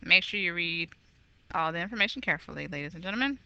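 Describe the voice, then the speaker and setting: Woman math teacher, bright voice, dry close sound, patient step-by-step delivery. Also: lowish voice, expressive, quick pace, clean tone, dry recording, highs cut off. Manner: patient, methodical, corrects herself aloud. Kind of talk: recorded geometry lesson.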